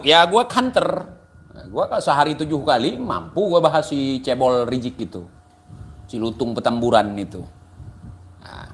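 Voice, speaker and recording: A man with a high voice delivers a ranting commentary, slow and deliberate in pace. He taunts and insults throughout, in a scornful, mocking way.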